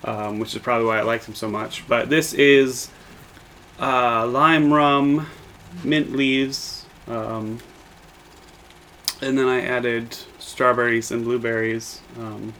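An easygoing man talks loosely in casual conversation, dropping in ums as he goes. His voice sits at an ordinary pitch. Faint background noise runs under him. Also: fairly even intonation, slow pace, fairly bright tone, low-quality recording. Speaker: podcast co-host. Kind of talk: casual chat.

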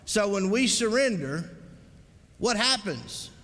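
A man's voice: high-pitched, very animated, slow, fairly bright tone, long reverb tail. A male pastor preaching a sermon, building his points through repeated rising refrains. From Montgomery, Alabama family roots.

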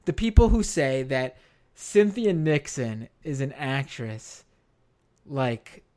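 An American man with a hoarse, worn-out voice hosts a live stream, talking casually and haltingly, repeating phrases for emphasis. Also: mid-range voice, big pitch swings, darkish tone. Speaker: live stream show host.

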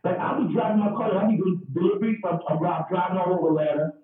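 Over echoey, distant, phone-like video-call audio, a man who does stand-up comedy chats casually and spins stories. He talks fast in a high voice, animatedly performing character voices and even dog sounds.

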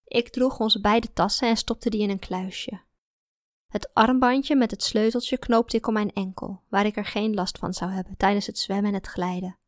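A woman's voice: mid-range voice, fairly even intonation, moderate pace, dry recording, studio quality. A woman reading a first-person story aloud in a confiding, introspective manner. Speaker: audiobook narrator. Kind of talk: first-person scripted narration.

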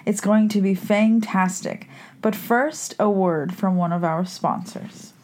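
A woman's voice: mid-range voice, unhurried, darkish tone, slight background noise, natural voice. A woman playing a playful vampire hostess, presenting a campy horror show in a theatrical, scripted manner. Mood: playful, macabre.

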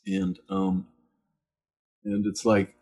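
Husky guy talking real slow, wry and teasing in a casual chat. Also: lowish voice, monotone, a little mellow. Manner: teasing, wry, drawn-out phrasing. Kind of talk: casual conversation.

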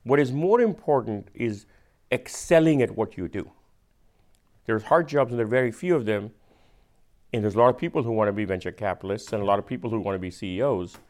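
A man with an Indian accent, a venture capitalist, explaining things patiently and with measured emphasis in casual conversation. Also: lowish voice, animated, darkish tone.

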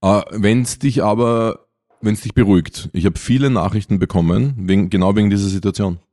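A man's voice: fairly low pitch, fairly even intonation, fairly quick, dark tone, no room sound, clean studio sound. A man co-hosting a casual podcast, telling playful stories and acting out quotes. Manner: playful storyteller, acts out quotes in funny voices. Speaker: podcast co-host.

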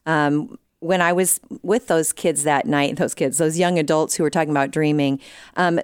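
A middle-aged woman hosts a radio talk show in a studio, chatty and quick to laugh. Her voice sits a little low and sounds dry and close, with no room around it. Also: fairly even intonation, clean tone, no echo. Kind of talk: casual studio chat.

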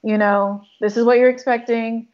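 A photographer and filmmaker from the Democratic Republic of Congo chats casually in an interview, filling her speech with "like" and "um." Her voice is fairly high, level, and a little mellow, at a normal speed, and the audio sounds dull.

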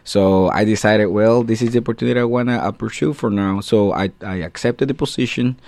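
A deep-voiced guest in his thirties, his plain in his English. He answers radio interview questions hesitantly, with many filler sounds. The sound is dry, with no room around it. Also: fairly quick, gravelly, darkish tone, dry recording. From Guatemala. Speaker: guest, assistant professor.

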